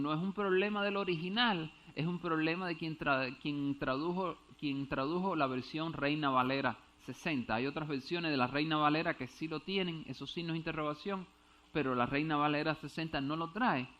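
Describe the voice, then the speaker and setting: A man's voice: a little high, normal speed, fairly bright tone, highs cut off. A male preacher teaching a Bible passage in a church, explaining step by step, checking whether he is understood and stumbling over Greek words.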